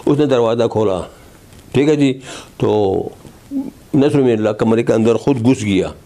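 A man's voice: medium pitch, measured pace, warm tone. An older man with a Pakistani Urdu accent recounting an anecdote, peppering his speech with honorific fillers. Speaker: storyteller.

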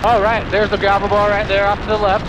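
A young pilot vlogger gives in-flight commentary through his aviation headset in a small plane's cockpit, talking excitedly and step by step through his approach and landing. His voice is high and quick, with engine noise beneath the headset mic.

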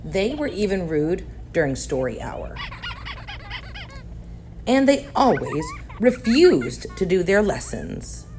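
A woman reads a children's picture book aloud, slow and unhurried. Her voice sits a little low but rises and falls in a lively, animated way. A faint hiss sits under her voice. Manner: expressive, animated storytelling. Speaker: storybook reader.

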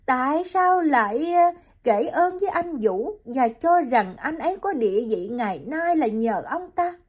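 A woman's voice: animated, measured pace, darkish tone. A woman voicing a heartbroken young mother in an audiobook, speaking in a choked, pleading way. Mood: distraught. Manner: choked, pleading and high-pitched.

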